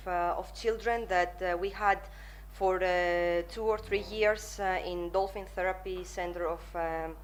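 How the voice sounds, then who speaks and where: A woman giving a conference presentation as a psychologist, in halting, hesitant phrases. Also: medium pitch.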